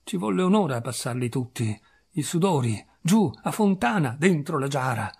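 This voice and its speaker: A man narrates a classic short story with dramatic, animated delivery. His voice is husky and sits slightly high. It is a literary reading performed aloud. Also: moderate pace. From Italy.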